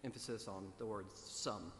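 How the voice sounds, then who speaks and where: A man's voice: fairly low pitch, moderate pace, fairly bright tone. A teenage boy giving a prepared, earnest talk as a student speaker in a large chapel. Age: teens. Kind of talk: prepared speech read aloud. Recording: echoey chapel with long reverb.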